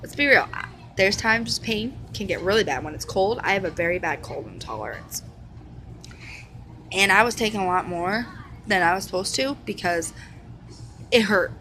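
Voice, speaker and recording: A woman's voice: medium pitch, very animated, normal speed, bright, forceful tone, slight background noise, rough recording. A young woman in her twenties talking candidly and casually about her life, rambling with fillers and restarts. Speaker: vlogger sharing her illness. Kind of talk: casual personal talk to camera.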